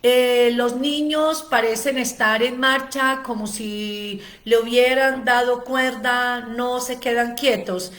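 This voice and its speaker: A woman with a somewhat high voice delivers a spoken lecture as an educator. She explains patiently, strings together long lists and fills her pauses with "eh". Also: steady tone, fairly bright tone. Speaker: ADHD educator giving a seminar.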